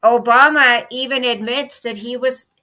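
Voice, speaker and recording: A woman's voice: fairly high pitch, steady tone, a little slow, bright, forceful tone, rough recording. A middle-aged woman co-hosting a casual political chat at home, talking in an emphatic, indignant way and repeating her points. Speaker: co-host. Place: at home, live stream.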